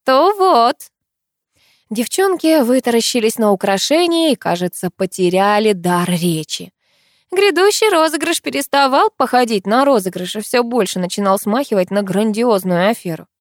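Lively woman reading an audiobook. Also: a little high, normal speed, no room sound, clean studio sound. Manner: expressive, voices every character. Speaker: audiobook narrator. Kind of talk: first-person audiobook reading.

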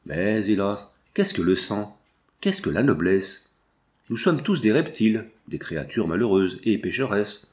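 A man's voice: on the low side, sing-song, measured pace, a little mellow. A man reading the part of an elderly monk who pleads passionately for his son's life. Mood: pleading. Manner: impassioned, pleading. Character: old monk and father pleading for his son. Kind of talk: audiobook character reading.

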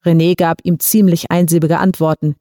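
A woman reading a short story aloud in a measured, even storytelling manner. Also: lowish voice, no room sound, studio quality. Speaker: audiobook reader. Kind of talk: scripted story narration.

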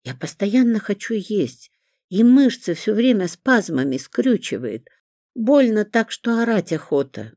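An audiobook reader voicing a plump, tearful psychiatric patient who pleads in a plaintive, childlike way, with a lively delivery. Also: mid-range voice, measured pace, no room sound, studio quality, pitched above the performer's own voice. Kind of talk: audiobook character reading.

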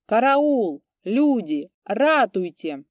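A woman's voice: very animated, takes it slowly, no echo, studio quality. A woman voicing a frightened old male village priest who cries out in a thin, quavering voice. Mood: panicked. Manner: quavering, shrill shouting.

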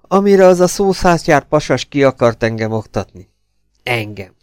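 A man voicing a burly, bearded sailor who is boastful and rough-mannered in an audiobook reading. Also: medium pitch, big pitch swings, darkish tone, no echo, studio quality, pitched above the performer's own voice, natural voice. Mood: swaggering. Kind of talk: audiobook character voice.

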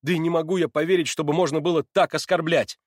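A man's voice: on the high side, steady tone, quick pace, no echo, clean studio sound, natural voice. A man voicing an earnest pleading young man. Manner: eager, pleading. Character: earnest impulsive young man, the prince's son.

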